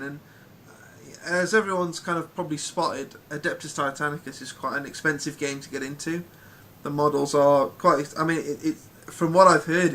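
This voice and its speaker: A man's voice: on the high side, bright, forceful tone, a little hiss or hum. Rambling man hosting a chat. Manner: rambling, full of ums and restarts. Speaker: podcast host. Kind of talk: casual live chat.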